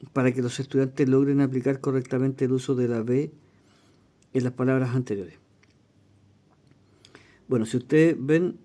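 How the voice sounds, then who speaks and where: A man runs an exam-prep lesson, reading each question aloud and then explaining it. His voice is mellow and warm, at a middling pitch, and he keeps checking in with his listeners as he goes. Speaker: teacher.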